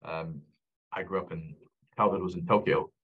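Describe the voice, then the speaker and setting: In this narrow, tinny recording, a man speaks at normal speed in a low, steady, slightly breathy voice. As founder of a data platform and guest on a conversational podcast interview, he describes his data work with earnest repetition and frequent restarts, reflecting an Egyptian background and an upbringing abroad.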